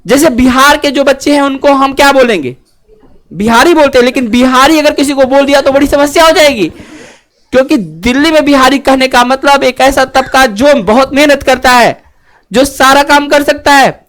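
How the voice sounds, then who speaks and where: Hindi-speaking male teacher quizzing his class. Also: very high voice. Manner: keeps checking students understood with quick questions; joking and lively, then earnest and preachy. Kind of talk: classroom lecture.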